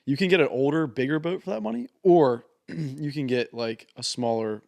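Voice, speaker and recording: Laid-back young guy, halting speech. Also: mid-range voice, gravelly, a little mellow, no room sound. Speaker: podcast guest. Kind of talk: casual chat.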